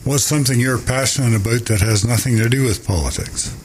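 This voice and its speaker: A man's voice: medium pitch, brisk, husky. A man interviewing a candidate with brief, direct questions.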